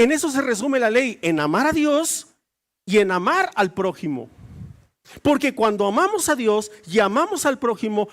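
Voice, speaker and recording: A male pastor preaching a sermon, acting out little dialogues with shifting voices. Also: high voice.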